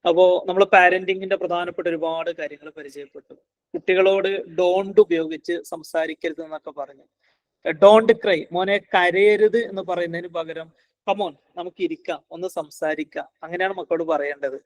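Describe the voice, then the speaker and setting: A man giving a parenting class, acting out a harsh and then a gentle parent talking to a child. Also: sits high, steady tone, moderate pace. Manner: acts out scolding and tender parent lines in a coaxing voice. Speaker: parenting trainer. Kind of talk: online class lecture.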